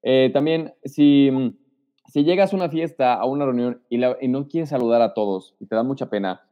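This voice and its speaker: Guy giving dating and social tips in an interview, lively, acts out little lines, lo-fi sound with long reverb. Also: mid-range voice, moderate pace. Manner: animated, acts out example lines. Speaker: guest. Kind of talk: casual interview talk.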